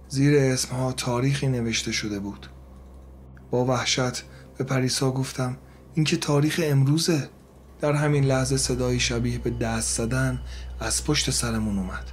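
A man reading a scripted first-person horror story in a steady, even way. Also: mid-range voice, a little hiss or hum.

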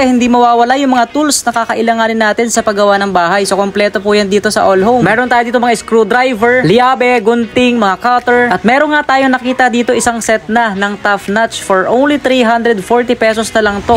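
A Filipino man with a Filipino accent, walking through a large indoor warehouse sale with a handheld phone camera, listing items and prices and often tagging sentences with a quick "no?". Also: very high voice. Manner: lists items and prices with frequent "no?" tags. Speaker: vlogger touring a warehouse sale. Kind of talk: walk-through shopping vlog.

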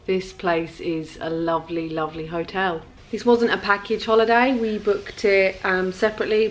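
A woman's voice: on the low side, rough recording. A young woman chatting through a casual travel vlog on a handheld phone, full of ums as she goes, in a hotel buffet and then an airport terminal. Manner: chatty, hesitant with frequent ums. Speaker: travel vlogger. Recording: clear background noise.

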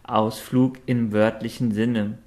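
A man reading aloud, voicing a friendly, lively woman who chats and laughs easily. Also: lowish voice, slow pace. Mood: chatty.

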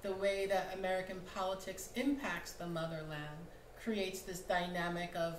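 A woman's voice: fairly low pitch, steady tone, moderate pace. A woman, the playwright, speaking at a post-show panel on a theater stage in a thoughtful, emphatic way, often asking "right?". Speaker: playwright and producer. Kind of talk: panel discussion. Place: small theater stage, indoors. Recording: roomy hall, faint noise.

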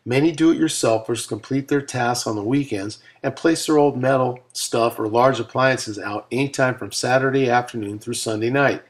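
A man's voice: medium pitch, normal speed, hardly any pauses. A man reading his own audiobook aloud in an upbeat, motivational coaching manner, with casual asides. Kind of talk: self-read audiobook narration.

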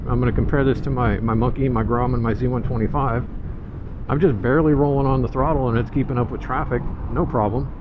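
A man's voice: mid-range voice, steady tone, fast talker. A man giving casual, easygoing riding commentary from inside a helmet as he vlogs on a scooter. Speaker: motorcycle vlogger. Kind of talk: casual first-ride vlog commentary while riding. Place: outdoors, riding a scooter through town streets. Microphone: mic inside a motorcycle helmet. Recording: muffled helmet mic, loud wind and road noise.

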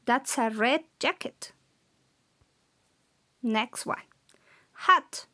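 Slowly and clearly, a young woman from Colombia models the pronunciation of each English vocabulary word, alternating between English and Spanish. Her voice sits high, and the talk is a recorded classroom lesson.

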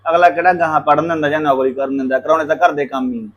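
A man's voice: on the high side, fairly even intonation, racing, muffled recording, natural voice. An actor playing a hot-tempered young brother who harshly orders his family around to force his sister's marriage. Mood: angry. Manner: harsh, threatening, commanding. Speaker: angry brother. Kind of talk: Punjabi short-film drama.

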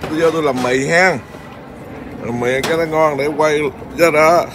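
A man's voice: on the high side, steady tone, moderate pace. A man who is a Buddhist monk, chatting casually and teasing, laughing often. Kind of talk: casual chat. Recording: noisy background.

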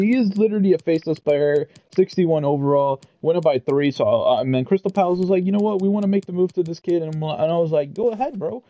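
A young man giving casual, chatty commentary over his football video game, bursting into excited shouts at goals. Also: fairly high pitch, no echo, rough recording. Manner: excitable, shouts goal celebrations, chatty slang. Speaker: gaming YouTuber.

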